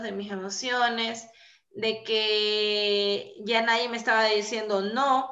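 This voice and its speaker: Lively young woman, echoey lo-fi call. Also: on the high side. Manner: animated storyteller, many fillers. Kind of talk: casual chat. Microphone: video call.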